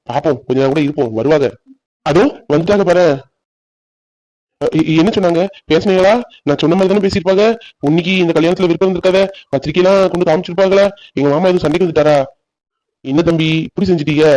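An argumentative young villager in a cartoon presses his case insistently, voiced by a man. His voice is a touch high. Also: darkish tone, close to an everyday voice, poor audio. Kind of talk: cartoon voice acting.

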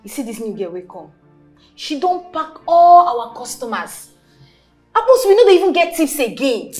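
An actress playing a jealous, scornful Nigerian waitress gossiping in a film drama. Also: female voice, high-pitched, big pitch swings, normal speed, a little mellow, faint music behind. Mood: resentful. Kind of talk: film drama dialogue in Pidgin.

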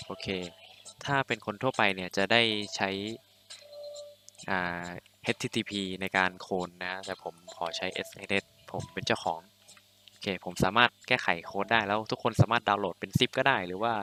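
A young man casually walking through a programming tutorial, talking loosely with lots of fillers and quick self-corrections. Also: lowish voice, bright, forceful tone. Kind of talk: casual screen-recorded coding tutorial.

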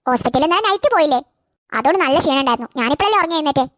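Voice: sits high, expressive, racing, fairly bright tone, dry recording, studio quality. A performer voicing a stubborn teenage girl in a cartoon, defending her new puppy. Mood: coaxing. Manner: defiant, pleading. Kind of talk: cartoon voice acting.

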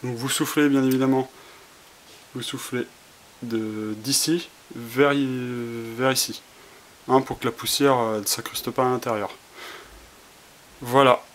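A man's voice: mid-range voice, fairly even intonation, takes it slowly, long pauses, a bit bright. Hesitant man demoing a repair. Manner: hesitant, many fillers and restarts while working with his hands. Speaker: tutorial presenter. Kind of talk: casual how-to demonstration. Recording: faint hiss, home camera audio.

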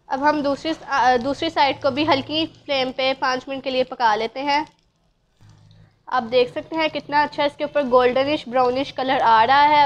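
A woman with a Pakistani Urdu accent narrates a home recipe step by step, talking straight to her viewers. Her voice sits high and her manner stays calm and instructive. The recording is slightly muffled, with a faint hum of the room behind her. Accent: Urdu-speaking Pakistani. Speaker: cooking channel host. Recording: dull lo-fi sound, faint room ambience.

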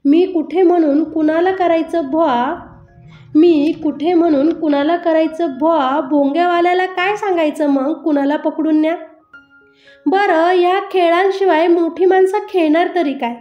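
A woman's voice: very high voice, fairly even intonation, measured pace. A woman with a Marathi accent, a mother tenderly reciting a poem she wrote for her young child, saying each line twice. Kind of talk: recited poetry. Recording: roomy lo-fi recording over soft music.

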